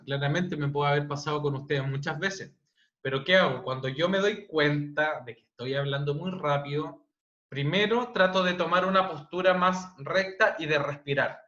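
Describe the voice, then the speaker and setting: A loud, bright, forceful Chilean man lectures students over a video call, punctuating his points with constant tag questions. His slightly high voice sounds roomy and dull, as if the mic sits in a bare room. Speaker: teacher. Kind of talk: online class lecture. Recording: dull, roomy online-class audio.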